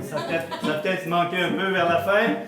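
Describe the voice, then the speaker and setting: A man with a Québécois accent refereeing a live improv match, making brisk, joking announcements. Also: high voice, fairly even intonation, music in the background. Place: indoor improv venue. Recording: echoey hall, far mic, loud crowd.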